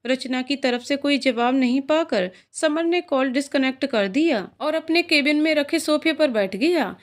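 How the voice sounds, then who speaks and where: A woman narrating a scripted emotional story in a calm, even storytelling manner. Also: high voice, normal speed.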